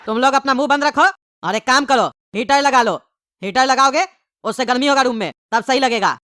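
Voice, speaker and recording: An exasperated cartoon father, played by a woman who keeps telling his sons to be quiet. He talks quickly and sounds high and bright. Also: no echo, clean studio sound. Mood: annoyed. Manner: scolding, impatient.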